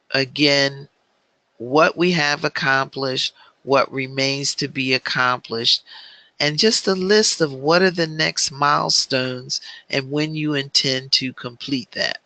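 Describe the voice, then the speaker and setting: A man teaching an online business planning class, speaking in a measured way with frequent filler ums. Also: mid-range voice, bright, forceful tone, no room sound.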